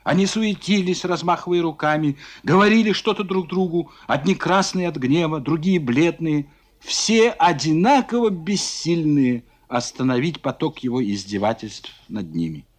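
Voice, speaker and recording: A man reading a novel aloud in a dramatic, expressive way. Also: fairly high pitch. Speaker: audiobook reader. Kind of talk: scripted narration of a novel.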